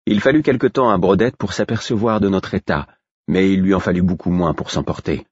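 A man reading a first-person novel aloud as an audiobook narrator, in a measured, expressive way. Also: deep voice, husky, dry recording, muffled recording.

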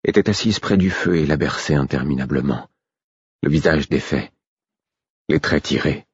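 A man with a very deep, husky voice reads a first-person story in a calm, measured way. He is recorded close and dry, and the sound is dull and lo-fi. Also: no echo. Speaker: audiobook narrator. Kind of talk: first-person audiobook narration.

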